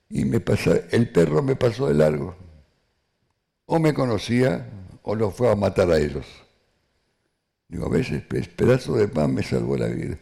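Older man, deep gravelly voice. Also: mellow. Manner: halting, with restarts and acted quotes. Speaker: Holocaust survivor giving testimony. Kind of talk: personal testimony.

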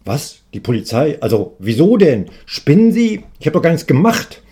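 A man's voice: a little high, sing-song, normal speed, mellow, husky, pitched above the performer's own voice. A man voicing a chatty, oversharing male student in his mid-twenties, who talks in a whiny, indignant way. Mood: bewildered.

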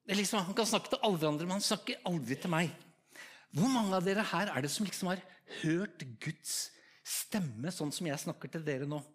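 High-voiced Eastern Norwegian preacher. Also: male voice, pushed and bright. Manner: conversational, asks the audience direct questions. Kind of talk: storytelling sermon to a live audience.

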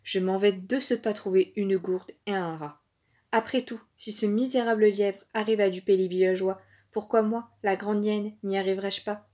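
A woman's voice: medium pitch, fairly even intonation, moderate pace, darkish tone, natural voice. A woman voicing a hungry, greedy female hyena plotting to herself. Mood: scheming. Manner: scheming, musing to herself.

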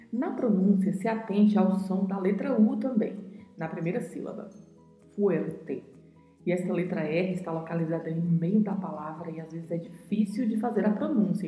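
A woman with a Brazilian Portuguese accent hosting a podcast Spanish lesson, explaining pronunciation patiently and slowly. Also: medium pitch. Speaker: podcast host, Spanish teacher. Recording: roomy echo with soft music.

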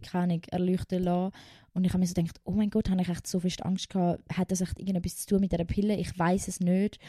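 A woman's voice: mid-range voice, warm tone, no echo, studio quality. A young woman from Switzerland with a Swiss German accent, casually telling a personal story in a vlog, emotional and chatty, swearing now and then and dropping in English phrases. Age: young adult. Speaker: vlogger.

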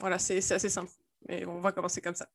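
A woman co-hosting a casual podcast, introducing guests and asking questions in friendly, halting phrases. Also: on the low side, completely flat delivery, dry recording, studio quality. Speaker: co-host.

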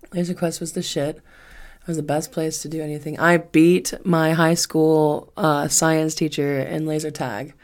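A woman in her twenties hosts a solo podcast, her voice sitting low with a darkish tone. She chats casually and rambles, swearing freely and repeating things for emphasis.

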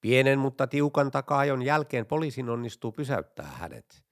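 A man reading jokes aloud in a steady, deadpan storytelling voice. His pitch sits mid-range for a man. The recording is dry and close, with no room echo. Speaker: joke narrator. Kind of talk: scripted joke reading.

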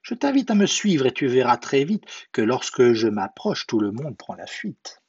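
Quick-witted tiny mouse, a man doing the voice, swooping high voice, muffled lo-fi sound. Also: breathy edge. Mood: boastful. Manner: lively, playful. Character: small clever bold mouse. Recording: dull lo-fi recording.

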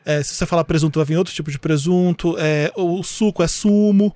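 A Brazilian man with a Brazilian Portuguese accent, hosting a podcast in casual, animated chat that he steers with irony. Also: on the high side, brisk, no echo. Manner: animated, ironic, steers the talk. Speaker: podcast host.

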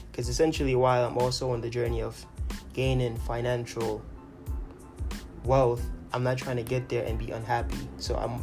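A man delivers a solo motivational podcast over music. His voice sits at a middle pitch and moves little up and down. He sounds earnest and deliberate, often circling back to rephrase. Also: darkish tone. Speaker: podcast host.

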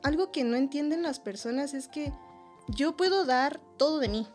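A Mexican woman guesting on a casual podcast, her voice sitting high. She tells her stories with animated energy and laughs often, and faint music plays behind her. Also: moderate pace. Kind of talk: casual chat.

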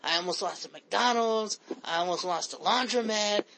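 A man's voice: sits high, normal speed, bright, forceful tone, rough recording. A man hosting a casual chat, rambling with frequent stammered restarts. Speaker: host.

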